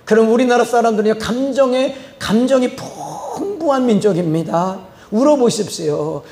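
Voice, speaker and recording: A male pastor delivers an emphatic sermon in a high, creaky voice. He keeps asking the congregation rhetorical questions and weaves in stories. His voice rings around an echoey church room. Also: a little mellow.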